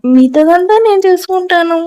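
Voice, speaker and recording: A woman's voice: very high voice, moderate pace, mellow, soft background music. A woman with a Telugu accent voicing the daughter-in-law in a cartoon moral story, earnest and eager.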